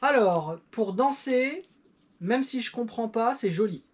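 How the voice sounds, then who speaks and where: This middle-aged woman has a fairly high, darkish voice with lively intonation, and she takes her time speaking. A YouTuber and parent, she chats casually with her child about an old record, playful and self-mocking, with many fillers.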